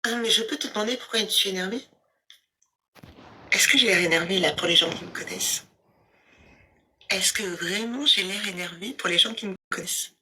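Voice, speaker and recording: Boastful, taunting woman with a bright voice. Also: normal speed, pauses often, a little hiss or hum. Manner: boastful and taunting, repeats "tu comprends?"; scornful asides, drops to low mutters and whispers. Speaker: livestreamer. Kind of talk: livestream rant at rivals.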